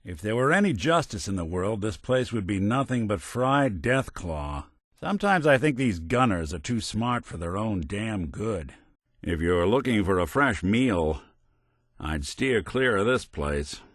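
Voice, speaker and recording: Here a video game voice actor gives Nick Valentine, a deep-voiced, wry, middle-aged synth robot detective, a sing-song, unhurried delivery with no room sound. The scripted noir companion dialogue is sardonic and dry, phrased like an old-time tough guy.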